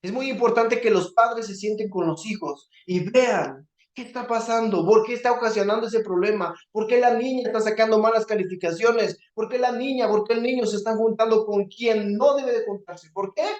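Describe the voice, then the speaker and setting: A man in his thirties giving a sermon on a Torah portion, earnest and pleading, often dropping to a soft voice for emphasis. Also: sits high, normal speed, few pauses, roomy sound. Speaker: Bible teacher.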